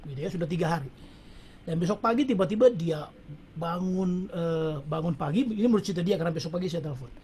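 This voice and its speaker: A man's voice: high-pitched, a little mellow, a little hiss or hum. A middle-aged man telling a personal testimony at a prayer meeting in a casual storytelling way, often addressing the audience as brothers and sisters.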